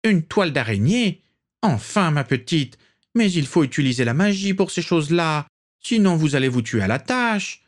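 A male narrator voices a haughty old aristocratic witch for an audiobook, pushing his voice up to a fairly high pitch well above his own and keeping a normal speed. She's imperious and condescending, with lines that swoop and rise in lively disdain.

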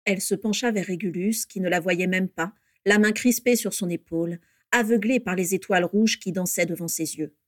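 A woman's voice: lowish voice, normal speed, no echo, studio quality. Woman steadily narrating a storybook. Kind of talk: storybook reading.

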